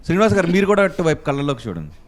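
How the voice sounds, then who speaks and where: A man's voice: fairly high pitch, wildly swooping pitch, rapid-fire. A man interviewing a couple, playful and prodding them to sing and act. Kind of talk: light-hearted interview.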